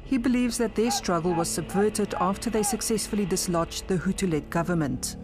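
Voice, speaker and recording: Woman narrating a documentary over music. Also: medium pitch. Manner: measured and formal.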